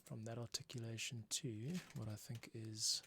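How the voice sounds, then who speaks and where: A composer streaming his process thinks aloud and mutters to himself as he works on a piece, while orchestral music plays back and computer keys click. His mid-range voice is creaky and sharp, with little pitch movement and a moderate pace, over a faint hiss or hum.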